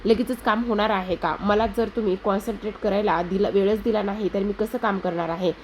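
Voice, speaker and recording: A woman's voice: mid-range voice, steady tone, fairly quick, a little mellow, a little hiss or hum, natural voice. A woman reading a sly scheming son-in-law.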